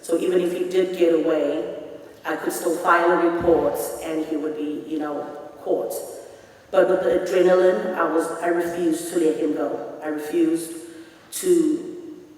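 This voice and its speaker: A South African woman in her forties gives a personal testimony at a meeting, speaking earnestly and emphatically about her own story. Her deep, darkish voice is flat and a little slow. She sounds far from the microphone, her words echoing around a large hall.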